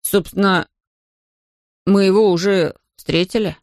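A woman voicing a friendly boy who speaks briskly in a storybook reading. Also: medium pitch, fairly even intonation, a little mellow, no room sound, clean studio sound, natural voice. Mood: puzzled.

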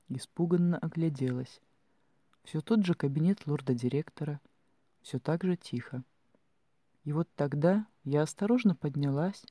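A man reading a first-person fantasy audiobook in an expressive storytelling manner. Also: a little high, no echo. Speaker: audiobook narrator. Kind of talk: scripted fiction narration.

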